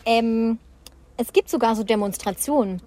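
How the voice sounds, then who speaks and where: Chatty joking woman, slightly high voice. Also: moderate pace, mellow. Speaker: podcast co-host. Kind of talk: casual chat. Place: outdoors.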